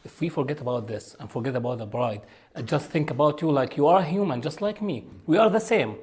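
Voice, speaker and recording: A man's voice: on the high side, lively intonation, brisk, darkish tone. A man from Palestine, an activist, speaking earnestly in simple phrases in a panel discussion. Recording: faint background music.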